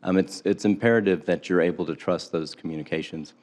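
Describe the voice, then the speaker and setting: A man giving formal testimony as an expert witness in a hearing room, explaining in a measured way and often repeating his first words before an answer. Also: sits low, a little mellow.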